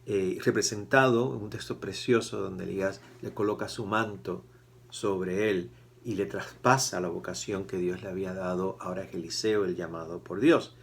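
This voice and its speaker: A priest giving a conversational sermon, acting out quoted voices with animated swings. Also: male voice, low-pitched, moderate pace, creaky.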